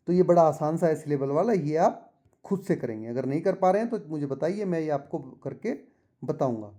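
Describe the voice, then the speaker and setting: Slow, careful Indian tutor with a dark tone. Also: male voice, a little high. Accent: Indian English. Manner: reads English lines slowly then explains in Hindi; addresses students directly, patient. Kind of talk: bilingual textbook explanation for students.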